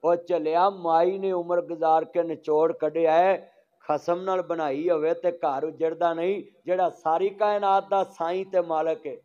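A man's voice: a little high, fairly even intonation, measured pace, mellow. A man with a Punjabi accent preaching a sermon, telling stories and voicing their dialogue, calling on the crowd to answer aloud. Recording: dull lo-fi recording.

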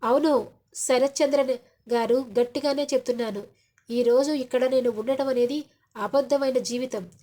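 A hurt, proud middle-aged father speaks reproachfully and grows loud and defiant, voiced by a woman retelling the story. The voice sits fairly high. Told as a storybook retelling. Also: steady tone, moderate pace, natural voice. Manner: reproachful, raises voice to defiant shouting.

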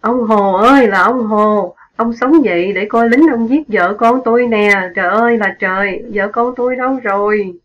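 A woman reading aloud as a poor middle-aged father and ex-soldier, his talk turning to mournful wailing. The voice sits at an ordinary middle pitch. The storybook recording sounds dull and lo-fi. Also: normal speed, lightly acted.

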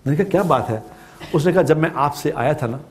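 A man's voice: a little high, expressive, a little mellow, a little hiss or hum. A man from Pakistan giving a religious talk, telling a story with repeated phrases for emphasis. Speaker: preacher.

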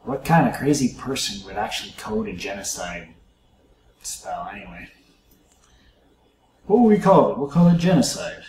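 A man's voice: on the low side, very animated, moderate pace, long pauses, darkish tone, roomy sound, slight background noise, rough recording. A man hosting a let's play, musing aloud to his viewers in casual gameplay commentary.

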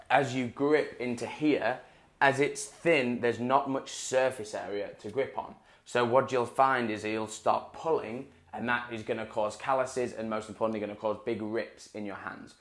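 A young man giving a casual instructional talk to camera, explaining equipment and repeating words for emphasis, recorded on a lapel mic in a small indoor room. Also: mid-range voice. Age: young adult. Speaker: water-ski coach. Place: small indoor room in front of a dark wall. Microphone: clip-on lapel mic.

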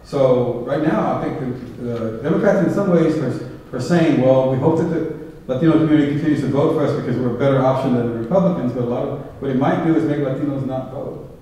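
A guest speaker lectures from a podium in a large hall with round tables, giving a public talk with audience questions. His mid-range, warm voice moves quickly, and he is thoughtful but full of fillers and restarts. Picked up by a podium mic and filmed from far back, the sound is echoey and distant.

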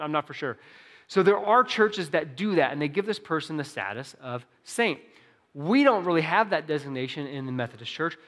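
A man's voice: fairly high pitch, fairly bright tone. A young adult male pastor preaching a sermon in a casual, self-deprecating way, with frequent restarts and fillers. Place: church sanctuary. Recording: long reverb of a church hall.

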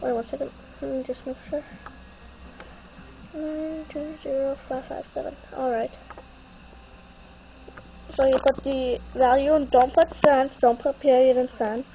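Casual tutorial presenter, young female, high pitch, congested nasal tone, dull phone recording. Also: fairly even intonation, a little slow, long pauses, mellow. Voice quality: stuffy, congested-sounding nasal voice. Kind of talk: casual unscripted how-to walkthrough. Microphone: handheld phone. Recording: muffled, noisy phone camera recording.

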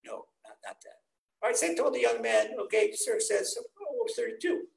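An older man teaching a Torah class from home over a video call, his voice sitting rather high for a man. He preaches earnestly and with energy, acting out the people he quotes. The webcam sound carries a roomy echo. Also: expressive, brisk, gravelly. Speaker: rabbi teaching a weekly class.

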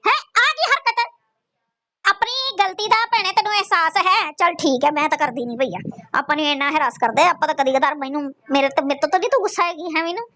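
A woman's voice: sits high, fast talker, a bit bright. A woman roasting someone in crude, mocking, scolding commentary full of profanity.

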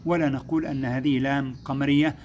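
A man teaching first-grade pupils, explaining step by step, praising them and slowing down to sound out syllables. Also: medium pitch, fairly even intonation, darkish tone, a little hiss or hum. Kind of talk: recorded classroom lesson.

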